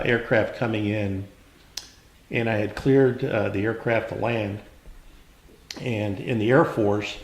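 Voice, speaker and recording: An older American man, a veteran remembering his service in an unscripted interview, speaking in a measured, halting way with reflective pauses. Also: fairly low pitch. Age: older, around 70s. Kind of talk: unscripted oral history interview, reminiscing. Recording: roomy, echoing interview sound.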